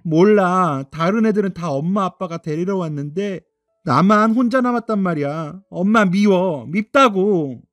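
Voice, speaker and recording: A man's voice: high-pitched, no room sound, faint music behind, pitched above the performer's own voice. A man doing a sobbing ten-year-old boy. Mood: sulky, angry. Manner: tearful, pleading, drawn-out cries. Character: upset ten-year-old boy, sulky then desperate. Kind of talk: radio drama acting.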